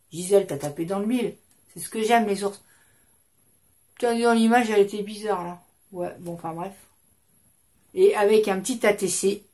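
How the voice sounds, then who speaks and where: A woman's voice: medium pitch, a little mellow. Woman, 50s, vlog host; loose, rambling casual chat from a home desk. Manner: rambling, chatty, self-interrupting. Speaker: craft channel host.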